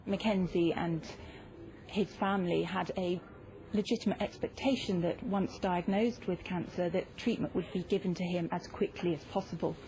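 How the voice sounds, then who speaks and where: A woman's voice: fairly low pitch, steady tone, normal speed, warm tone, a little hiss or hum, poor audio. A woman giving a careful, hesitant statement as a lawyer in a news interview.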